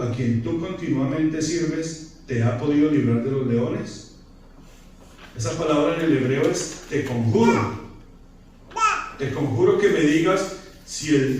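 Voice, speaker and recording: A man's voice: on the high side, darkish tone, a little hiss or hum. A man preaching a sermon, explaining scripture and checking in with listeners. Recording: very echoey room from a distant mic.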